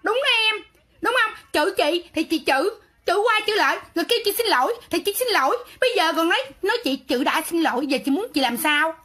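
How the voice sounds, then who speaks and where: A woman's voice: very high voice, animated, fast talker, bright, forceful tone. A woman with a Southern Vietnamese accent ranting on a livestream, defiant and sarcastic, talking back in a quarrelsome way. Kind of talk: livestream rant.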